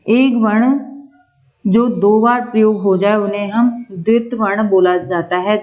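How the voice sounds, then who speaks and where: Female grammar teacher, exam-prep lecture, unhurried and repetitive, dull lo-fi sound. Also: medium pitch, a little mellow. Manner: slow, repeats points, keeps checking with "ठीक है".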